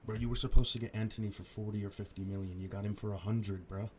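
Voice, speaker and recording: A man's voice: lowish voice, fairly even intonation, fast talker, darkish tone, a little hiss or hum. A man streaming live, ranting bluntly about football with a lot of swearing. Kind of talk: profane live-stream rant.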